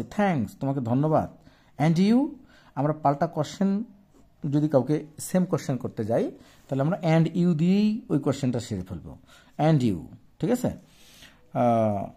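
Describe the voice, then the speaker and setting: Slow, patient male teacher. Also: a little high, warm tone, slightly rough. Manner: slow, patient, repeats words and spells them out; mixes Bengali explanation with English phrases. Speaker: English teacher. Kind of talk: classroom lesson explaining a textbook page.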